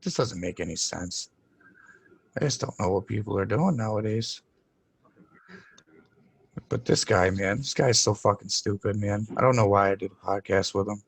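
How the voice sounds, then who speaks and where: A man's voice: lowish voice, normal speed, creaky, long pauses, breathy edge, dry recording. A man co-hosting a podcast, telling stories in a casual, rambling stoner way and swearing freely. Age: adult, parent of young child. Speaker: podcast co-host. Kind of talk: casual podcast banter and storytelling.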